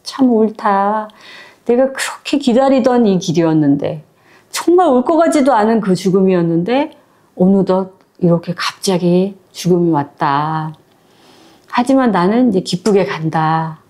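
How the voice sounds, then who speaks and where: Calm, tender old grandmother near death, slow and soothing, read by a woman storyteller. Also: medium pitch, natural voice.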